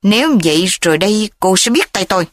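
Brief: a woman doing an old scheming uncle in a storybook reading, low-key, menacing, dry sound. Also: lively intonation, fast talker, no echo, close to an everyday voice. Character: older man, scheming threatening uncle.

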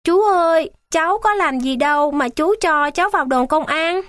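A woman's voice: high-pitched, animated, moderate pace, no room sound, studio quality, pitched above the performer's own voice. Woman voicing a small tearful boy. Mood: pleading. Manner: pleading, tearful. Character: small anxious boy who loves his mother.

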